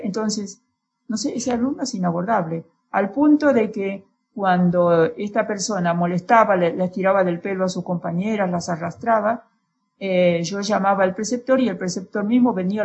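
A woman's voice: mid-range voice, vocal fry, a little mellow, lo-fi sound. A woman teacher speaking in a discussion, weary and frank, trailing off at the ends of sentences. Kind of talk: casual debate talk.

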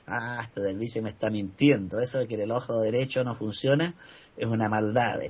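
A man voicing a greedy, suspicious male merchant in a told tale, in a husky voice. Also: fairly low pitch, steady tone, moderate pace, darkish tone, voice pushed down. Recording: slightly muffled recording.

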